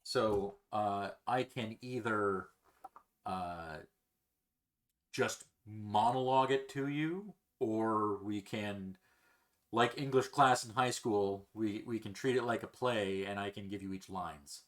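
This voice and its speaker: Slow, halting male game master. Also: on the low side. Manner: slow, halting, many fillers. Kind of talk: narrating a tabletop game over a call.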